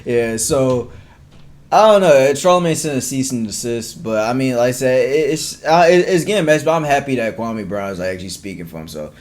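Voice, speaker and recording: A man from Virginia talks sports on a podcast at an everyday middle pitch. His speech is loose and rambling, full of fillers and quick restarts, in an easygoing back-and-forth with his co-host. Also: animated. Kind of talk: casual sports chat.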